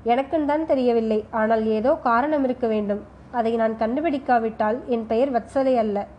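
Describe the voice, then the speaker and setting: Sharp young woman sleuth, sarcastic and self-assured, read by a woman narrator, slightly high voice, faint hiss behind. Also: moderate pace, highs cut off, close to an everyday voice. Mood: mocking, sure.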